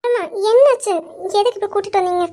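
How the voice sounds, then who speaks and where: Brief: woman as a pleading, teasing young wife, very high voice, amateur drama. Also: fast, warm tone. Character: sweet-talking young wife, playful and pleading.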